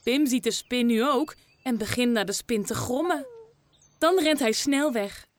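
Slow expressive woman storyteller. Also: fairly high pitch. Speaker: narrator. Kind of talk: children's story reading.

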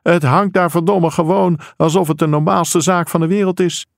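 A man voicing an enraged middle-aged father who shouts and swears at a policeman. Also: medium pitch, moderate pace, creaky, no room sound, clean studio sound, voice pushed up, lightly acted.

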